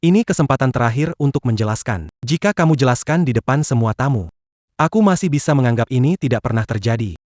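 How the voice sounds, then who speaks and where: A man's voice: mid-range voice, expressive, fast talker, a little mellow, dry recording, dull audio, natural voice. A man playing a wealthy groom in a dubbed melodrama, stern and coldly angry in a controlled way. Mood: stern warning. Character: wealthy groom coldly rejecting his vengeful ex.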